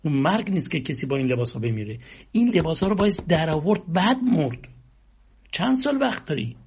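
A man's voice: fairly high pitch, expressive, a little mellow, breathy edge. A man giving a spiritual sermon, exhorting listeners with rhetorical questions and long lists, on a dull lo-fi recording. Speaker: religious speaker.

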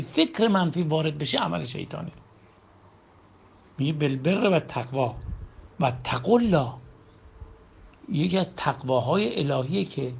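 A man's voice: fairly high pitch, vocal fry, breathy edge. A man giving a Quran commentary lesson, reciting verses and then explaining them in plain, conversational speech. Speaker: Quran teacher. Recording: dull lo-fi recording with faint background hum.

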